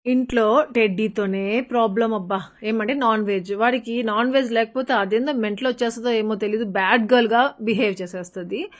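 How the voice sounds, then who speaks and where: A woman's voice: fairly high pitch, fairly even intonation, a little fast. Chatty Rayalaseema Telugu woman vlogger. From Rayalaseema, Andhra Pradesh. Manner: chatty, mixes English words into Telugu. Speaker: family vlogger. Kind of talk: casual voice-over narration.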